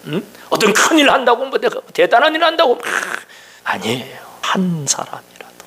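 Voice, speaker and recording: Animated husky-voiced male pastor preaching. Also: very high-pitched, brisk. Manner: rhetorical questions to the congregation; drops to hushed whispers for emphasis. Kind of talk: sermon.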